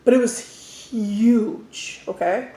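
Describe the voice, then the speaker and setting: A woman telling stories casually as an eating-show host, talking in short phrases with pauses. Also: a little high, steady tone, warm tone. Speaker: mukbang host. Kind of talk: casual storytelling while eating. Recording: roomy, echoey indoor sound.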